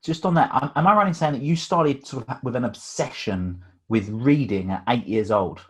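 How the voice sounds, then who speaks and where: Male podcast host, mid-pitched voice, pragmatic and chatty, full of fillers. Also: normal speed, slightly rough. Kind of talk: podcast interview.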